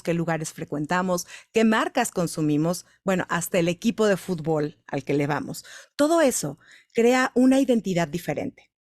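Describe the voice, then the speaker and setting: A Mexican woman, a voice-over professional, speaks from the stage in an engaging way, often turning questions back to her listeners. Her voice sits at an ordinary middle pitch, and the sound is dry, with little room echo. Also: darkish tone. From Mexico City, Mexico. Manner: engaging, questions the audience directly. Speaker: voice-over artist giving a talk. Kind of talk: conference talk.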